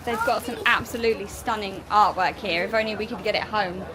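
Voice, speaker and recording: A woman's voice: mid-range voice, brisk. A British woman giving casual, chatty travel vlog narration straight to her viewers. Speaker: family travel vlogger. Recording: noisy busy public places, crowd chatter behind. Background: crowd chatter and urban bustle.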